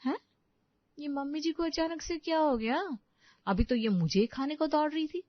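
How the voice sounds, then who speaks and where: A woman's voice: high-pitched, lively intonation, normal speed, dry recording, pitched above the performer's own voice. Woman voicing a meek young daughter-in-law. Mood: grumbling. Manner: polite, meek. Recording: dull dry lo-fi audio.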